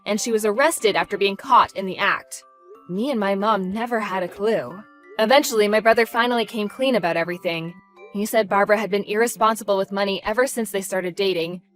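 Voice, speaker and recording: A woman's voice: fairly high pitch, fairly bright tone. Firm, cold-voiced woman storyteller. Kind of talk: scripted story narration.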